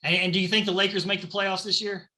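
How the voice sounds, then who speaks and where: A man's voice: high voice, flat delivery, noisy background. A man with a Southern US drawl hosting a family game show over a video call, playful and chatty. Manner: playful, chatty, quick banter.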